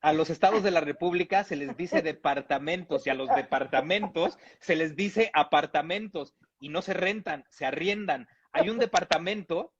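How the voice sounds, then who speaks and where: A man's voice: a little high, moderate pace, few pauses, breathy edge. A man from Mexico reading a humorous text aloud in a playful, amused way, with chuckles now and then. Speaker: reader. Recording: dull lo-fi audio.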